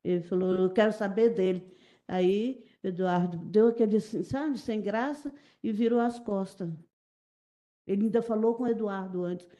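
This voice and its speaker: A middle-aged Brazilian woman giving halting, repetitive, emotional testimony as a witness in a courtroom. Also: mid-range voice, dark tone. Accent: Brazilian Portuguese. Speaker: witness testifying in a jury trial.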